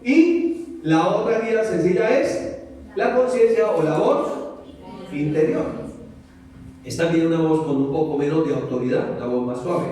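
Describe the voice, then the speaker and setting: A man with a Colombian accent, preaching a lively sermon to a congregation, full of rhetorical questions and acted-out voices. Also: sits high. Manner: animated, many rhetorical questions, acts out voices. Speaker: pastor. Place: church hall. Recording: very echoey hall from far off.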